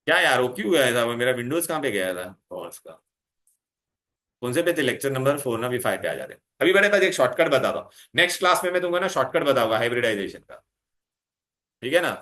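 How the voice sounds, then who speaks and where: Male chemistry tutor, mid-pitch, quizzing pupils nonstop; roomy echo, bits. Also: very animated, fast, fairly bright tone. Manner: coaxing, calls students "beta", quizzes them constantly. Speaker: chemistry teacher. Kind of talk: revision lecture to students. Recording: echoey room.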